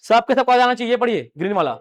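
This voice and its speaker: Speaking fast with lively intonation, a high-voiced man teaches English grammar to a live class. He peppers students with questions he then answers, repeating core phrases many times.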